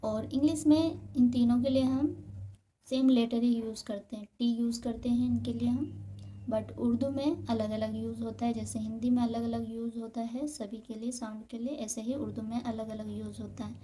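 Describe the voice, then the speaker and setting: A woman's voice: a little high, steady tone, moderate pace, warm tone, slight background noise. A woman teaching beginners the alphabet, patiently repeating each example word. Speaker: Urdu teacher. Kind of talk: beginner's Urdu alphabet lesson.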